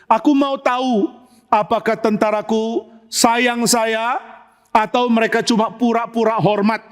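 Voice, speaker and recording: A man's voice: very high-pitched, fairly even intonation, measured pace, voice pushed up. A man voicing an anxious king who doubts his soldiers' loyalty, asking worried questions. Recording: echoey church hall.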